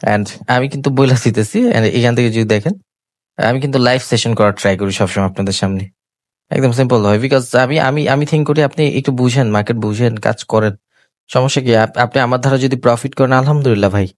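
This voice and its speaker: A man's voice: medium pitch, brisk, no echo. A young man giving live trading commentary over a chart, repeating himself and coaxing viewers as brothers. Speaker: trading channel host.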